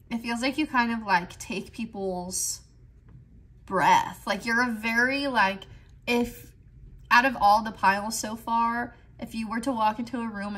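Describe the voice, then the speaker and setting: A woman's voice: medium pitch, a bit bright. A young woman giving a casual tarot card reading indoors, rambling and chatty and filling her talk with "like". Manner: rambling, heavy with "like" fillers, chatty. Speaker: tarot reader. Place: indoors at a desk, in a squeaky chair.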